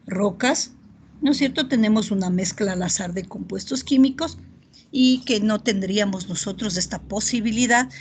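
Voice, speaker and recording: A middle-aged woman teaching an online biochemistry class, often pausing to ask students if they follow. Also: mid-range voice, a little hiss or hum. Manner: checks in often with "¿ya?" and "¿verdad?"; steady explanatory pace with filler pauses. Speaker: university lecturer.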